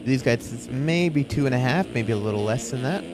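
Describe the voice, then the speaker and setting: A man's voice: mid-range voice, expressive, normal speed, background noise. A man giving live motorsport race commentary in an informal, conversational play-by-play style.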